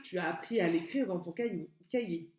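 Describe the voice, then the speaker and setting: A woman kindergarten teacher giving a remote literacy lesson to young children, slowly and patiently sounding out letters and syllables. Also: on the low side, darkish tone. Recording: echoey room.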